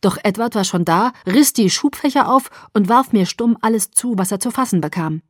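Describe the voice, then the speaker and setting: Woman, audiobook narrator, first-person narration, expressive, mid pitch, dry close recording. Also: moderate pace, no room sound.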